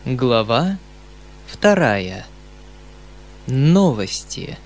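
A man narrating a classic novel in a measured, expressive storytelling voice. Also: mid-range voice. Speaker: audiobook reader.

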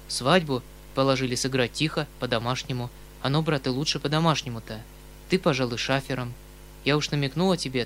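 A man's voice: medium pitch, fairly bright tone, a little hiss or hum, close to an everyday voice. A man reading an audiobook, voicing a kindly, emotional older uncle who pleads and exclaims. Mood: resigned.

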